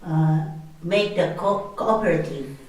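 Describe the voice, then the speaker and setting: A woman from the Philippines tells her story slowly and hesitantly, with restarts. Her voice is fairly low. The sound is distant and very echoey. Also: darkish tone. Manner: hesitant, halting, with laughs. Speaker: carer, former nurse. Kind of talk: interview, personal story. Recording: echoey room from far off.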